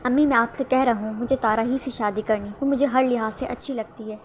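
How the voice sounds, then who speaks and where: A woman's voice: a little high, lightly acted. A woman reading the lines of a stubborn, firm young man in a storybook reading, with faint background noise. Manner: firm, calm. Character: stubborn young man devoted to his love.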